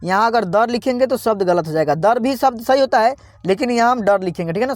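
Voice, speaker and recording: A man teaching beginners online, spelling out words slowly and repeatedly asking viewers how to read them, calling them friends. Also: sits high, dry recording, studio quality. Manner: slow, repetitive spelling-out, constantly quizzing viewers. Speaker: English teacher. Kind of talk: online beginner lesson, reading words aloud.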